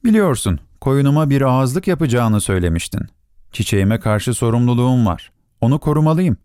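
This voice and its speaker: A man voicing a gentle, earnest little boy prince in a storybook reading. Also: mid-range voice, very animated, brisk, smooth, no room sound, studio quality, close to an everyday voice.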